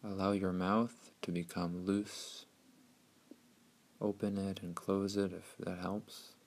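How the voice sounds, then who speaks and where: A man narrating a scripted guided meditation in a soothing, hushed, unhurried way with long pauses. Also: deep voice, flat delivery.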